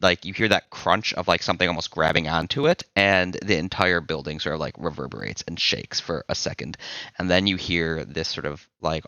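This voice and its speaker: A man narrating as game master of a tabletop game, halting with many fillers and restarts. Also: sits low, sharp tone, no room sound.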